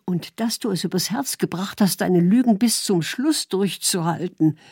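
A woman's voice: on the low side, animated, normal speed, a little mellow, slightly rough, no room sound, clean studio sound. A woman voicing a deceived young wife who heaps accusing, pleading questions on her husband. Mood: reproachful.

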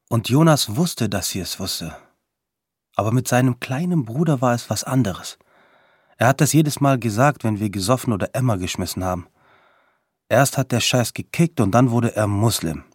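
Male narrator, husky and dry, gritty street-slang first-person reading. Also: fairly low pitch, no echo.

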